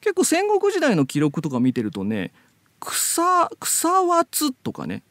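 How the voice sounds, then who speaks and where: A man hosting a casual web radio chat, explaining things in an animated, storytelling way into a studio mic. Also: a little high, normal speed, no room sound. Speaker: radio show host.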